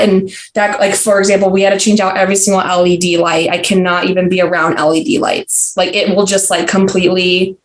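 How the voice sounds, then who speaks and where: A young adult woman, a podcast guest, talking in a casual, rambling way full of fillers and restarts. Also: mid-range voice. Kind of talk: casual conversational interview. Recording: roomy echo.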